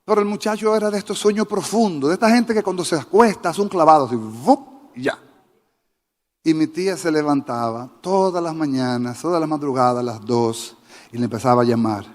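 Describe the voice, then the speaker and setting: A man's voice: a little high, a little fast. A male pastor preaching a sermon, fervent and often questioning the congregation directly. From Dominican Republic. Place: church sanctuary. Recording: church hall with long reverb.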